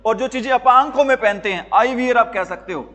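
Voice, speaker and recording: In a grammar class, a male teacher keeps firing the same questions at his students, his very high voice fairly bright and fairly quick. The sound carries a long reverb, suggesting a large hall.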